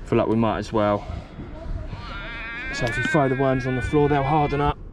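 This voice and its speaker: Speaking at a moderate pace in a medium pitch, an English-accented man vlogs his fishing setup on an outdoor concrete seawall beside the sea. He casually explains each step as he goes, and his head-mounted action camera picks up wind and waves.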